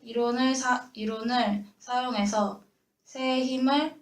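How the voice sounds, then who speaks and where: A woman's voice: fairly high pitch, fairly even intonation, unhurried. A young female student from Daejeon, reading aloud in class, careful and a bit hesitant. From Daejeon, South Korea. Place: lecture room. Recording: echoey classroom, faint hiss.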